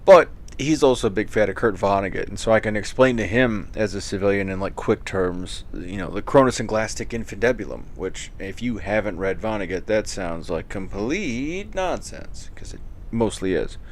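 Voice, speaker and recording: A man's voice: on the low side, animated, normal speed, a little hiss or hum. A man hosting a casual late-night chat, rambling and joking with a profane, loose way of talking.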